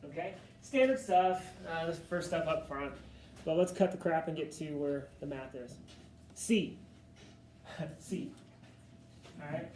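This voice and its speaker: A man's voice: on the high side, animated, unhurried, pauses often, a little mellow, slight background noise. A male math tutor leading a classroom session, joking and coaxing students through each step. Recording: echoey room from far off.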